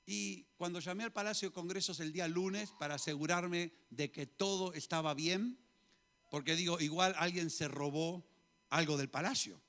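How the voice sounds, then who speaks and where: A man's voice: sits high, normal speed. Fervent male pastor leading prayer. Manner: fervent, repetitive prayer calls, swings from hushed to loud. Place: church hall.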